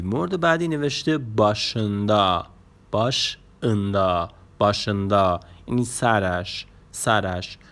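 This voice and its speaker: Man teaching Turkish words, slow repeats. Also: lowish voice. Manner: drawls the Turkish words slowly and repeats them. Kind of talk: casual online language lesson.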